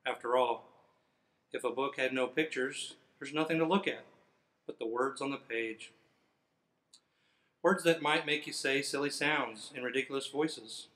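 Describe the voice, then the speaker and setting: A middle-aged firefighter reads a children's book aloud indoors in front of a fire truck, playing it up with theatrical, playful exaggeration. His medium-pitched, slightly bright voice moves unhurriedly with long pauses, and the room echoes.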